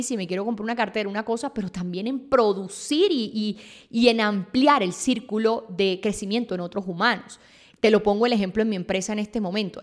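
Girl podcasting, chatty and open, just talking to you, mid voice. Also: mid-range voice. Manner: animated, confessional, talks directly to listener. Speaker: podcast host. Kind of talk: casual monologue.

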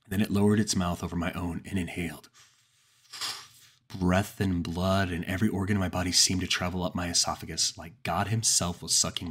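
A man narrating a first-person horror story in a measured, dramatic way. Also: low-pitched, fairly bright tone, slightly rough.

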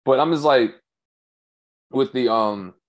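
A man co-hosting a sports podcast, talking in a loose, slangy way and now and then imitating people in a high voice. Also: takes it slowly. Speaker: podcast co-host. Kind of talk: casual sports chat.

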